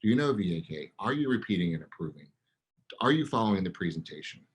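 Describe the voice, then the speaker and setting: A man co-hosting a real estate coaching podcast, pressing listeners with punchy, rapid-fire rhetorical questions. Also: low-pitched, sing-song, slightly rough, poor audio.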